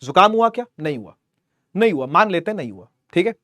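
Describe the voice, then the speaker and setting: Male physics tutor, tinge, high voice, playful, acts out scenes; dry booth sound. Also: animated, fast, fairly bright tone, no echo. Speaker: physics teacher. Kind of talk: animated classroom lecture.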